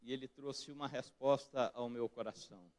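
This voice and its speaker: A man with a Brazilian Portuguese accent preaching a sermon as pastor in a church, moving between quiet reflective passages and loud emphatic peaks. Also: medium pitch, fairly even intonation, normal speed. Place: church sanctuary.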